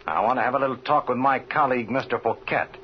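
A man's voice: mid-range voice, fast talker, close to an everyday voice. A resolute lawman from a 1930s radio serial, played by a male actor, talking with firm, unflappable authority. The sound is muffled, with a light vintage hiss. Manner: firm, authoritative old-time lawman talk. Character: resolute male detective facing down crooks, unflappable.

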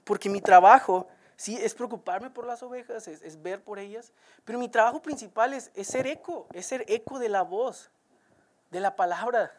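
A woman's voice: mid-range voice, a little mellow. A woman preaching a sermon, speaking earnestly and directly to listeners and repeating words as she builds each point.

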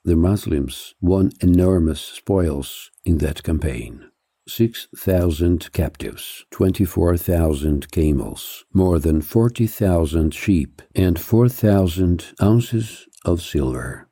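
A man reading a scripted history narration in a measured, even way, slowing and stressing each item when he lists things. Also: sits low, husky, no echo, clean studio sound.

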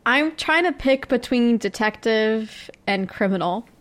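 A woman's voice: on the high side, lively intonation, unhurried, a bit bright. A woman playing a tabletop game, chatting playfully and often laughing. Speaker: player. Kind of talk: casual tabletop game chat.

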